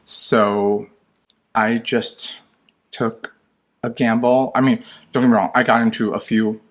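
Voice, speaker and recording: A man's voice: lowish voice, steady tone, slow pace. A man in his thirties from China, a designer guest chatting in a sassy, flamboyant way in his living room. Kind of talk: casual interview chat. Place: colorful living room at home.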